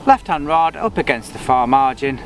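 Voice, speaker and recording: Here a man of medium pitch and moderate pace fishes from the bank of a lake, keeping up a laid-back, chatty narration of each step. The recording, made by a camera on the bank facing him, carries faint outdoor noise.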